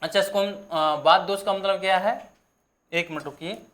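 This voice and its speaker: Young male tutor, fairly high voice, slow repetitive dictation of lesson points. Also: fairly bright tone. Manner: repetitive, dictating terms slowly for notes. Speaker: teacher. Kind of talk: exam-prep lesson.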